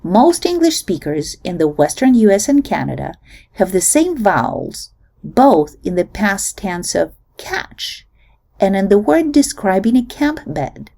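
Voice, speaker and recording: Measured woman lecturing, lively mellow voice. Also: medium pitch. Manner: measured, explanatory, demonstrates sounds. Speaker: linguistics lecturer. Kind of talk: recorded lecture.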